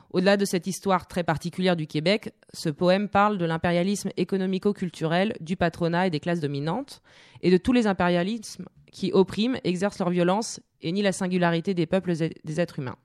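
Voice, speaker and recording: A radio host speaking from a studio in a relaxed, unscripted way. The delivery is halting and full of pauses, restarts and filler sounds. The pitch sits in a middle range. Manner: hesitant, many fillers and restarts. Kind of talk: casual radio presentation.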